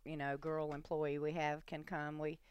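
A woman in her sixties chatting casually in an unhurried, folksy way. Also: deep voice, monotone, clean tone, dull audio. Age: 60s. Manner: unhurried, folksy, says "Lord have mercy". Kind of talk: casual chat.

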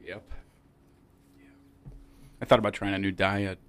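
Low-voiced man trading deadpan puns. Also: unhurried, clean tone. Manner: deadpan pun delivery, laughs at own jokes. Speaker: podcast co-host. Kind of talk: casual joke-swapping chat. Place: small shed podcast studio.

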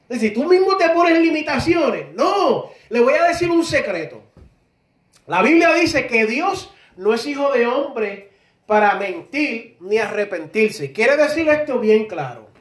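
A man preaching a sermon, animated, acting out voices from scripture stories. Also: very high-pitched, unhurried. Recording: echoey room from a distance.

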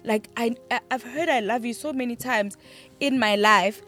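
A woman's voice: fairly high pitch, moderate pace, a bit bright, soft background music. Grieving woman, earnest. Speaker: podcast guest. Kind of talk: emotional interview.

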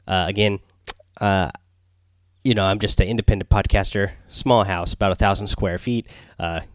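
A man hosting a casual gaming podcast in a quiet, subdued late-night manner, rambling and hesitant as he goes. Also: low-pitched, fairly even intonation, normal speed, no echo, studio quality. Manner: quiet, subdued late-night delivery, holding back so as not to wake others. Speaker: solo podcast host. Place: small home recording space near bedrooms.

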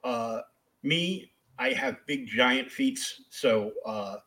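A man's voice: medium pitch, lively intonation, takes it slowly, bright, forceful tone. Laid-back joking man, podcast host. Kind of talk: casual podcast chat.

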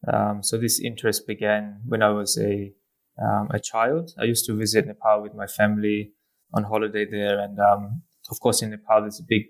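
A man's voice: on the low side, completely flat delivery, normal speed. An Australian man in his thirties, a lecturer answering interview questions as a guest, with many ums and uhs.

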